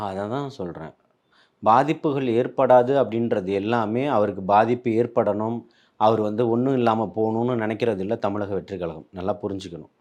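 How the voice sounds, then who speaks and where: A man's voice: on the low side, a little fast, a little mellow. A man, speaking as a party spokesman in a heated political interview, combative and full of rhetorical questions.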